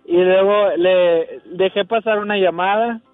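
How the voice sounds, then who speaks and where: A man's voice: sits high, fairly even intonation, measured pace, soft background music. A young man from Monterrey, calling in to tell a story, hesitant with many fillers. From Monterrey, Mexico. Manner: hesitant, fillers, acts out quoted lines. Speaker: caller. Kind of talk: telling a story on a call-in show. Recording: tinny phone line.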